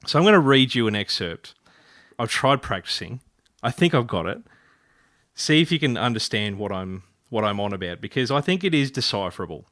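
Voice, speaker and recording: A man's voice: medium pitch, sing-song, a little fast, a bit bright, dry recording. Playful man, dry close sound. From Ireland. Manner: playful, rambling. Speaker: podcast host. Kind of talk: casual chat.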